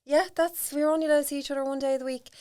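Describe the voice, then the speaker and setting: A woman's voice: high-pitched, steady tone, very fast, a little mellow. A woman with an Irish accent, a podcast guest telling personal stories candidly and chattily in casual conversation. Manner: candid, frank storytelling with casual swearing; chatty, lots of fillers like "like".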